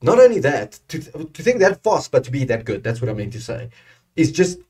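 A man hosting a reaction video, talking casually to the camera with lots of fillers, swinging between loud excited bursts and quiet asides. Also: mid-range voice, brisk. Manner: enthusiastic, filler-heavy, swings from loud to soft.

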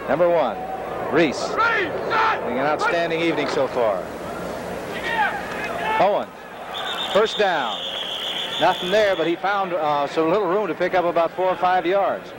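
American male sportscaster, slightly high voice, live football calls through heavy stadium noise. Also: very animated, a little slow, long pauses, a loud crowd. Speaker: play-by-play sportscaster. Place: indoor stadium broadcast. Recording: very noisy 1970s TV broadcast. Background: loud stadium noise.

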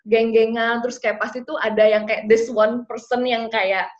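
Her voice is fairly high, but her delivery is flat and moderately paced. She's in her twenties, from Indonesia, raised partly abroad in London and Ethiopia, and as an interview guest she chats casually and animatedly, fluently mixing Indonesian and English. The video call from a small plain indoor room sounds dull and lo-fi.

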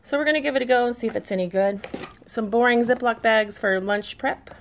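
A woman in her thirties chats easily to camera about things she bought, reading labels aloud as she goes. Her voice sits a little high, with a gravelly fry running through it. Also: fairly quick, slight background noise. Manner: chatty, reads labels aloud, easygoing. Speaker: vlogger mom showing a shopping haul. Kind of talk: casual chat to camera.

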